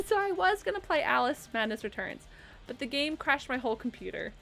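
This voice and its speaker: A young adult woman streaming live, chatting casually and giving blunt opinions with frequent laughs and quick asides. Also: high voice, lively intonation, gravelly, fairly bright tone. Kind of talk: casual live-stream chat while ranking logos.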